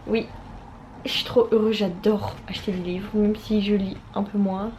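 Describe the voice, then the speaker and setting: A woman's voice: medium pitch, level tone, normal speed, warm tone, a little hiss or hum. A young woman and student chatting casually about books for her vlog, with many fillers and restarts. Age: young adult. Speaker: book vlogger. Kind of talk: casual chat.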